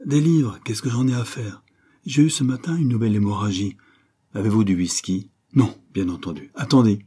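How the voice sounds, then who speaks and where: A man voicing an ailing, cynical male poet who speaks with sardonic, emphatic outbursts in a husky voice. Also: on the low side, normal speed, warm tone. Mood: scornful.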